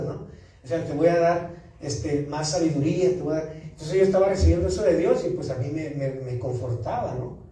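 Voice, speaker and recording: Pastor mexicano de voz aguda en sala con eco. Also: male voice, a little high, mellow. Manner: storytelling, asks the congregation for agreement. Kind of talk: sermon. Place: church. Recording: echoey church hall, distant mic.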